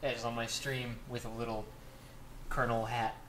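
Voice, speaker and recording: A man's voice: mid-range voice, little pitch movement, normal speed, heavy background noise. Rambling man guest, echoey room. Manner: rambling, laughing, self-deprecating. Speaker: podcast guest. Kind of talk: casual chat.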